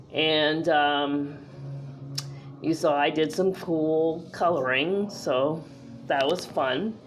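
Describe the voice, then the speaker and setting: A woman's voice: low voice, a little hiss or hum. A woman from the northeastern US talking casually to her camera in a chatty, rambling way, full of fillers and restarts. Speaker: vlogger.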